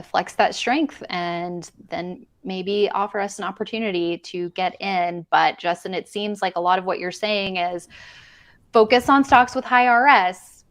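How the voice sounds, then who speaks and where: A woman hosting a stock market show, presenting in a conversational way. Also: fairly low pitch. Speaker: host.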